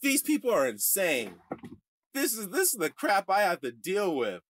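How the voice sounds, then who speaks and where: High, bright-voiced man ranting. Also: wildly swooping pitch, moderate pace, slight background noise. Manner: combative, repeats "bro", swings from shouting to muttering. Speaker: religious online show host. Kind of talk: heated livestream rant to viewers.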